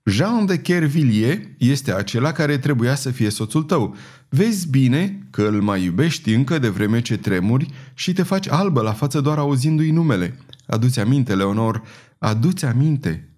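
Raising his medium-pitched, slightly mellow voice and letting it swing widely in pitch, a man performs the role of an authoritative, plotting noblewoman in an audiobook. Her tone is insistent as she presses her case with command.

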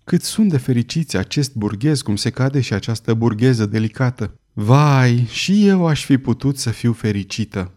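Brief: man doing a reserved, sorrowful woman, hushed and dignified, mellow dark tone. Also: medium pitch, animated, few pauses, close to an everyday voice. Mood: wistful. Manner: quiet, dignified.

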